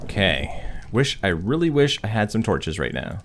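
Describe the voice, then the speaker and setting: A man's voice: fairly low pitch, sing-song, moderate pace. A man giving casual video game commentary, muttering to himself as he plays. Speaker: gamer recording a playthrough. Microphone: headset or desk microphone, wearing headphones. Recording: clear background noise. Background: game sound effects with thunder.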